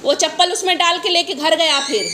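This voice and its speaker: A woman's voice: extremely high pitch, a little fast. A woman telling a playful, teasing story to her pet parrots, sing-song and repetitive. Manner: sing-song, teasing, repeats phrases, laughs while talking. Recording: noisy home recording.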